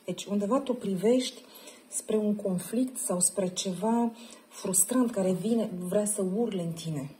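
A woman guiding a participant through a tarot card reading, gentle and probing, often checking in with a short question. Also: mid-range voice, a little hiss or hum. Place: group session at a camp.

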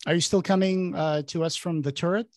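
A man in his thirties from Portugal hosting a podcast over a headset, halting with many fillers. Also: fairly high pitch, fairly even intonation, no room sound, clean studio sound. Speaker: podcast host. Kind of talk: casual video-call chat. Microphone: headset over video call.

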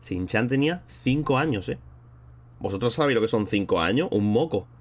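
Expressive and a little fast, this man's lowish voice carries a rambling, slang-heavy livestream chat. Between thoughts he thanks his viewers.

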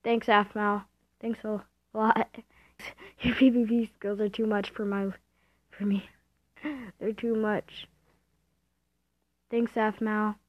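An excitable woman talks through her gameplay in a casual, self-mocking way, thinking aloud as she goes. Her voice sits at an ordinary pitch, and her delivery is slow and unhurried. The recording is dull and lo-fi, with a dry sound and no room echo. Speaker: gamer.

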